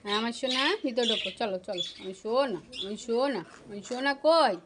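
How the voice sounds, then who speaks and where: Woman, high voice, coaxing baby talk, playful scolding, loud background noise, squawking birds. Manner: closes with a quick word to viewers. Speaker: pet bird vlogger. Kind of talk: talking to pet parrots.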